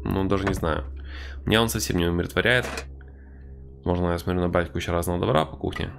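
A male game streamer with a fairly low, gravelly voice talks his way casually through a horror game. He is wry and mock-tough, with clear music playing behind him. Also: fast. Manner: wry, mock-tough banter, reading subtitles aloud.

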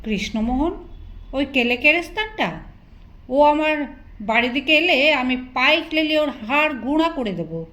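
A proud old landlord speaks sternly and indignantly in a spoken story, as a woman narrator reads his lines. The voice stays fairly high, not deepened into a man's register. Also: measured pace, long pauses, lightly acted. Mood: furious.

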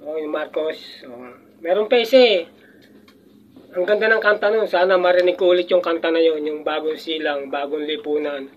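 An older man with a high-pitched voice talks casually, rambling with frequent restarts and chuckles. The audio is muffled and lo-fi. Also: normal speed, slight background noise. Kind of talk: casual chat.

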